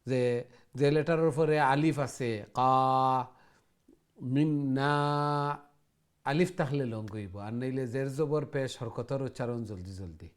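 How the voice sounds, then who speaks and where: A man teaching Quran recitation to callers, gently correcting vowel lengths and modelling verses slowly. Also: mid-range voice, clear, resonant tone. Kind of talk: live call-in recitation lesson.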